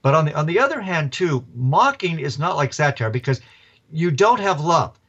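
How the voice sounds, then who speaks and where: A man, an author and professor, telling stories as a radio interview guest in a lively, chuckling way. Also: a little high, normal speed, slightly rough, lo-fi sound.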